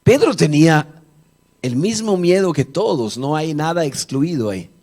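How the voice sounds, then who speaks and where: A man's voice: on the high side, lively intonation, moderate pace, a little mellow. A male pastor preaching a sermon in church. He talks in a conversational, joking way and tells the story with animation, acting out the dialogue. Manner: conversational, jokes with the congregation. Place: church service before a congregation.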